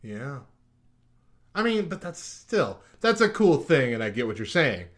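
A man's voice: medium pitch, very animated, a little slow. A man co-hosting a casual chat podcast, laughing often and reading rules aloud. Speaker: podcast co-host.

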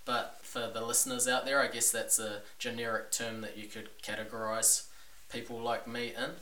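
In a casual interview chat, a podcast guest from New Zealand, a business owner with a New Zealand accent, talks in a frank, relaxed way. His mid-range voice is flat and sharp, delivered at a moderate pace, and the sound is echoey, distant and faintly hissy.

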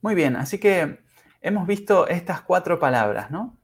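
A man teaching English pronunciation in a podcast lesson, speaking carefully and demonstrating sounds slowly. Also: high-pitched, expressive, breathy edge. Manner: slow, careful, exaggerated pronunciation drills.

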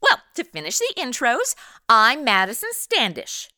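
Flippant young amateur sleuth, wildly animated. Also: female voice, a little high, a little slow, dry recording, studio quality, heavily acted. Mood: flippant, amused. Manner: sassy, slangy, chatty. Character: flippant, breezy modern young woman playing amateur sleuth. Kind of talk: comedic radio drama acting.

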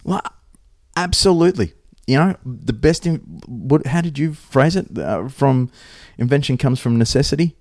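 A man's voice: mid-range voice, animated, normal speed, a little mellow, no room sound, clean studio sound. An Australian man co-hosting a podcast, talking casually and bluntly and telling stories in a conversational way. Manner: blunt, sweary. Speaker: podcast co-host.

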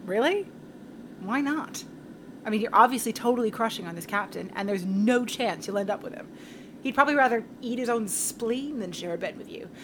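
A woman's voice: on the high side, animated, fairly quick, natural voice. A woman playing a vain, pompous diva. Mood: mocking. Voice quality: haughty, condescending, cruel. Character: vain pompous female diva singer passenger. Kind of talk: comedy audio drama. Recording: audible background noise.

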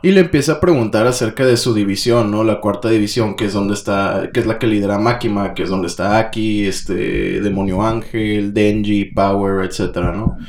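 A man's voice: fairly low pitch, fairly even intonation, moderate pace, hardly any pauses, darkish tone. A man, co-hosting a podcast, who retells a comic plot in casual chat, full of fillers and acted-out quotes. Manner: rambling, many fillers, acts out quotes. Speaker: podcast co-host. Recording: roomy echo, faint noise.

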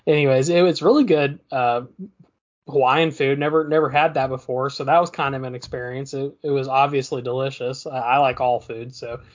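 A man's voice: mid-range voice, steady tone, fairly quick, muffled recording. A man chatting casually as a podcast co-host in an easygoing, rambling, hesitant way. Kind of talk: casual chat.

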